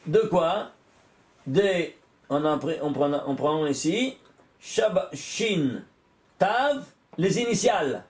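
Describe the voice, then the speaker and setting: A rabbi giving a Torah lesson to a class, working through sums aloud and quizzing his listeners with rhetorical questions. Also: on the high side.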